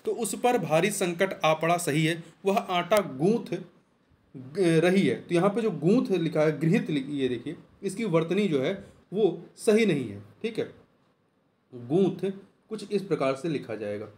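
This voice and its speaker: A man teaching exam answers, patiently repeating key words and slowing down to spell them out. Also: a little high, animated, darkish tone. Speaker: Hindi exam-prep teacher. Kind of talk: explaining test answers.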